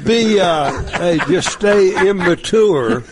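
A man close to eighty, joking in a folksy manner during a casual chat. His voice sits a little high. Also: animated, slow, background noise. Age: 70s.

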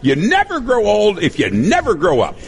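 A man's voice: sits high, wildly swooping pitch, moderate pace. A man in his seventies from Nebraska, a broadcaster telling rambling stories and laughing often in a casual chat. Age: 70s. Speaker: guest broadcaster.

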